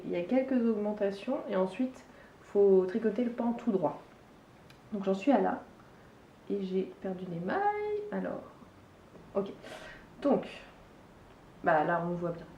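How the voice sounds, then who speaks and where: A woman's voice: mid-range voice, warm tone, a little hiss or hum. A woman with a French accent chatting casually about her knitting and hand-spun yarn, with lots of hesitations and restarts. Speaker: knitting vlogger. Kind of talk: casual chat. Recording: dull, echoey room from far off.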